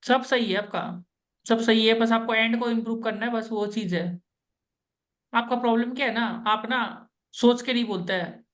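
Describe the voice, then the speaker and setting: A woman's voice: on the high side, steady tone, moderate pace. A woman with an Indian accent coaching an interview candidate in Hindi, talking in a repetitive, instructive way and laughing often.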